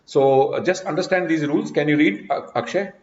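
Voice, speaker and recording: A man's voice: on the high side, brisk, darkish tone. A man teaching an online class, explaining patiently with many "you know" fillers. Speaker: lecturer. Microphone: video call. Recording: dull video-call audio, echoey room.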